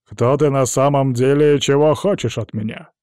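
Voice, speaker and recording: A man voicing a blustering middle-aged colonel who growls and shouts his denials. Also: mid-range voice, moderate pace, clean tone, no room sound, studio quality, lightly acted. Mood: angry bluster.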